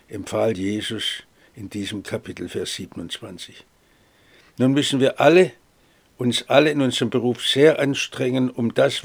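A man preaching a sermon, reading scripture aloud in a measured, solemn way. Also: lowish voice, creaky, husky.

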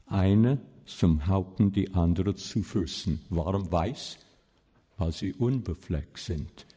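A male pastor preaching a sermon with passion, swinging between loud and soft. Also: sits low, takes it slowly, breathy edge. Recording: long reverb of a large hall.

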